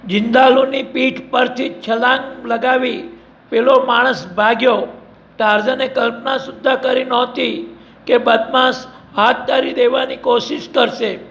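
A man's voice: very high voice, little pitch movement, a little slow, vocal fry, fairly bright tone. A man narrating an adventure story in a vivid, emphatic storytelling manner. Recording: dull lo-fi recording.

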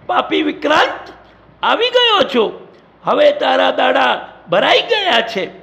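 A man voicing a bold, commanding jungle hero who shouts his challenges. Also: very high-pitched, lively intonation, measured pace, vocal fry, full character voice. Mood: defiant.

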